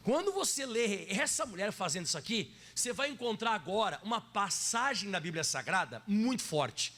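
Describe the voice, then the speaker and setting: Male pastor, Brazilian accent; lively, emphatic sermon delivery, calls the crowd brother. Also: sits high, moderate pace. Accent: Brazilian Portuguese. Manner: emphatic, keeps addressing the congregation as brother.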